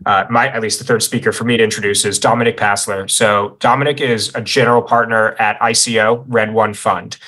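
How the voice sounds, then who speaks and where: A man's voice: lowish voice, brisk, few pauses, low-quality recording. A man hosting an online conference over a video call, talking energetically with lots of "like"s, a little out of breath. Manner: energetic, filler-heavy with many "like"s. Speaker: conference host. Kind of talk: casual conference talk.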